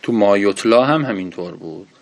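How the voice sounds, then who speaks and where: Lively low-voiced man teaching grammar. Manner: explains patiently, asks and answers his own questions, reads Arabic text slowly. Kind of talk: Arabic grammar lesson.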